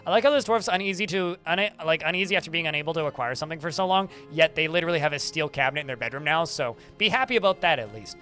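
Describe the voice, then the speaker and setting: A man streaming a game live, chatting to his viewers in a flat tone that some hear as annoyed. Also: fairly high pitch, very fast, few pauses, faint music behind. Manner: chatty, rambling asides to chat. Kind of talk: live-stream gameplay commentary.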